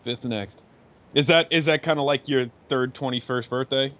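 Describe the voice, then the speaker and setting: A man hosts a casual gaming podcast with an easygoing, joking manner. His voice sits at a middle pitch for a man. He keeps things light as he steers the talk between his guests. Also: normal speed, a bit bright. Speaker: host.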